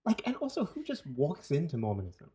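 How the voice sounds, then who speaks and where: Podcast co-host, man, New Zealand accent, animated and scattered, swings his pitch a lot. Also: a little fast. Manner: animated, jumps between topics, swears. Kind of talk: casual chat.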